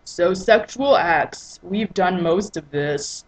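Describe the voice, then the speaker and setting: A woman's voice: lowish voice, lively intonation, slow, poor audio. A woman voicing a brooding, controlling, seductive rich man in a hammy stage-actor style for a romance novel reading. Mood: stern, seductive.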